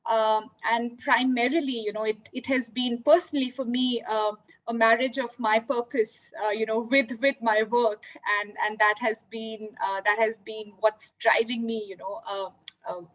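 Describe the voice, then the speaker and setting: Woman panelist on a video call, somewhat high voice, thoughtful, filler-heavy delivery. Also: fairly even intonation, normal speed, a bit bright, poor audio. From India. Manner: reflective, many "you know" fillers. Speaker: panelist, leadership development. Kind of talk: virtual panel discussion.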